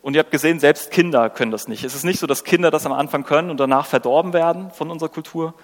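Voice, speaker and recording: Male preacher, conversational sermon, fairly high voice, long hall reverb. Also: very fast. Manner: engaging, asks rhetorical questions, acts out quotes.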